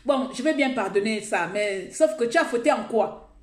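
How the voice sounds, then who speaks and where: A woman's voice: fairly high pitch, lively intonation, moderate pace, roomy sound. A woman, ranting indignantly and emphatically to her followers in a live video. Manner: indignant, emphatic, talks straight to viewers. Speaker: live streamer addressing followers. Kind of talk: heated live video rant. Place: outdoors.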